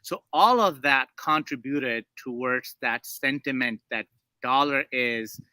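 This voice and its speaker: A man from Saudi Arabia answers interview questions in a measured, hesitant way, pausing often on fillers. His voice is very bright and forward, recorded close and dry with no room sound. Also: medium pitch, no echo. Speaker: guest.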